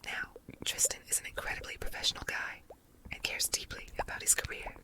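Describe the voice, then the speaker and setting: A woman reading a story aloud as ASMR in a soft unvoiced whisper, layered into a doubled whisper track. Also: low-quality recording. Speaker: story narrator.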